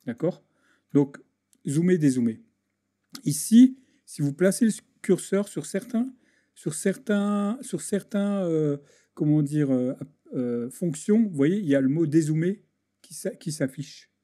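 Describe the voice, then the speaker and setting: A man with a somewhat high but very dark, mellow voice narrates a screen-recorded tutorial. He hesitates often, repeats words and restarts sentences while working in the program. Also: lively intonation, measured pace. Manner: hesitant, many restarts and fillers, talks while clicking. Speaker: video editing tutor.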